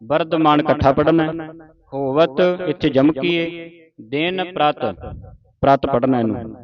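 A man's voice: on the high side, measured pace, crowd noise. A man teaching scripture recitation, reading verses line by line and correcting pronunciation in a call-and-repeat lesson. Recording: distant mic, dull lo-fi sound, group of learners in the room. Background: group of learners.

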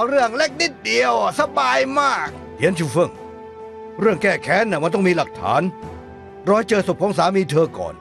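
A man dubbing a crafty gangster middleman in a TV drama, wheedling and gruff. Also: high voice, a bit bright, heavily acted. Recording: drama dub with faint music.

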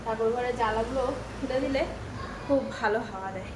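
A woman's voice: fairly high pitch, fast, background noise. A woman chatting casually in a home vlog, speaking to viewers as friends and guiding a small child as she picks vegetables in the garden. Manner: instructs a small child while picking vegetables. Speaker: home vlogger. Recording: background music over the voice.

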